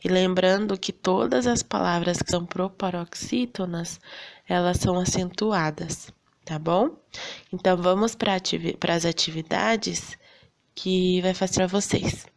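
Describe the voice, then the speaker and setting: Slow, patient Brazilian woman teacher. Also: fairly low pitch, creaky. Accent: Brazilian Portuguese. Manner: slow, patient, checks in with "tá bom?". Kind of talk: recorded lesson for fifth graders.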